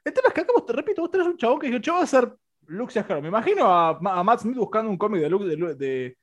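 A young man with a Rioplatense accent, co-hosting a casual film review podcast in an animated, joking way. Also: fast. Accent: Rioplatense Spanish. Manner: animated, joking, voice swings high and low. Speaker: podcast co-host.

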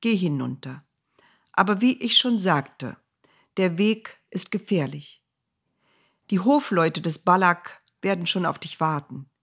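A woman's voice: lowish voice, expressive, measured pace, fairly bright tone, slightly rough, exaggerated voice. A woman voicing a stern male angel with a flaming sword. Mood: calm. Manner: stern, unmoved.

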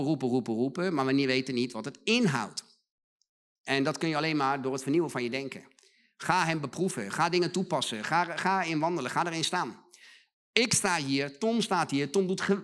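High-voiced Dutch-speaking male preacher. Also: a bit bright. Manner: emphatic, repeats phrases, acts out quoted voices. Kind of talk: sermon. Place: church hall.

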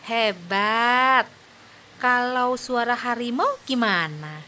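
A bright, ringing, slightly high voice belongs to a patient, praising young mother, played by a woman in a children's audio play. She talks slowly and clearly, as if to small children, and cheers them on. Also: expressive, slight background noise, exaggerated voice. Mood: encouraging. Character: cheerful, encouraging young mother teaching her little daughters. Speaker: mother of two young girls.

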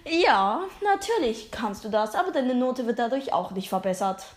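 A girl voicing a female teacher who is easily flattered and gushes over a pupil. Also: on the high side, moderate pace, close to an everyday voice. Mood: pleased.

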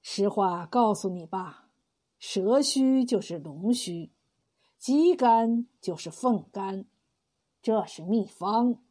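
A woman voicing a kind, wise old male village healer who speaks slowly and calmly in a storybook tale. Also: medium pitch, pitched below the performer's own voice.

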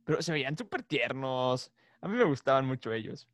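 Male co-host, playful casual chatter, mid pitch, dry close mic. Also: big pitch swings, fairly quick, no echo. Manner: playful, laughs often, imitates cartoon voices. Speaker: podcast co-host. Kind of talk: casual chat.

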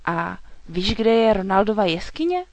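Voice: mid-range voice, very animated, no room sound, lo-fi sound. A storyteller voicing a shy but hot-tempered young female dragon in a children's storybook reading, bossy and snappish. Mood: stern.

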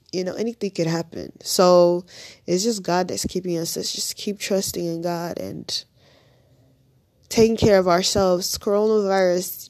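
A woman's voice: medium pitch, darkish tone, dry recording. A young woman from Nigeria hosting a casual faith-based podcast, chatty and upbeat, with an early-morning voice, talking straight to her listeners. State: early-morning voice, just woken up. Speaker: podcast host.

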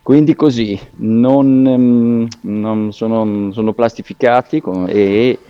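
A man giving his opinion in casual radio chat, hesitant and halting. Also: mid-range voice, steady tone, clean tone, dry recording, muffled recording.

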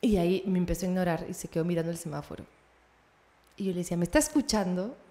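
A young woman with a Peruvian Spanish accent telling a road story in casual chat, animated and often laughing. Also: fairly low pitch, rapid-fire. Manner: animated, laughing, acts out voices in her anecdotes.

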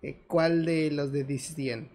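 A man with a Mexican accent, his voice a touch higher than usual, chats casually on a podcast. He mostly adds short remarks and corrections while his co-host talks. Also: steady tone, darkish tone. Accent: Mexican Spanish. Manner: quick interjections, chiming in. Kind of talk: casual chat.

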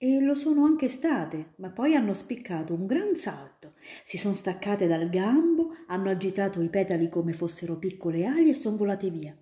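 Woman playing a kindly young student, animated storyteller, warm mellow voice, echoey room. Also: medium pitch, normal speed, few pauses, natural voice. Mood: enthusiastic. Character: kindly young male student telling tales. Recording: roomy echo.

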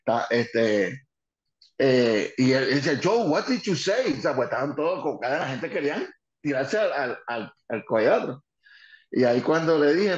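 An older man, a former wrestling manager telling lively stories and slipping English phrases into his talk. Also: mid-range voice. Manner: lively, mixes in English phrases, many restarts. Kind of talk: animated anecdote telling. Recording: dull, roomy recording.

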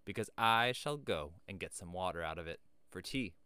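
A man's voice: sits low, expressive, normal speed, sharp tone, smooth, dry recording. Casting: adult male reader as ill-mannered schoolboy, scornful and bossy, storybook dialogue, dry recording. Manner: blunt, bossy, sneering. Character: rude, scornful schoolboy scout. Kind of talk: storybook character voice.

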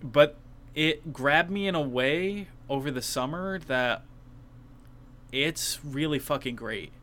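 A man's voice: a little high, animated, slow, fairly bright tone, a little hiss or hum. A man co-hosting a casual podcast about video games. He talks candidly, with enthusiastic asides and casual swearing. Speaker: podcast co-host. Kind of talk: casual game-awards discussion.

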